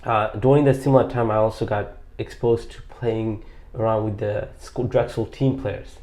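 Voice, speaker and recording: As an interview guest, a late-twenties squash coach from Bangladesh tells his story in a rambling fashion, restarting often and leaning on fillers. His voice is on the low side and darkish, with fairly even intonation at a moderate pace.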